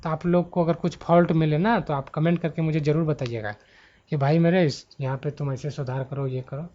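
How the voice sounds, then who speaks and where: A man's voice: fairly high pitch, fairly even intonation, brisk, warm tone. A man teaching a grammar exam-prep lesson into a mic at his laptop, thinking aloud and correcting himself as he goes. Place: at home before a laptop. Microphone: handheld mic at a laptop. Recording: dull lo-fi mic sound.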